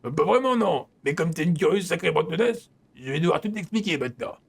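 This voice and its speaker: A man voicing a brash, teasing teenage boy in a dating game, with a lively, somewhat raised voice. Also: on the high side, a little fast, vocal fry, husky, full character voice. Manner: cocky, teasing.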